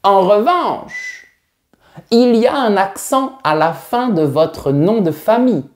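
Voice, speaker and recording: A man's voice: sits high, expressive, slow, pitched above the performer's own voice. A man voicing a pompous elderly male creator of the French language, talking in a grand, formal, lecturing way. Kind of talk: comic teaching sketch.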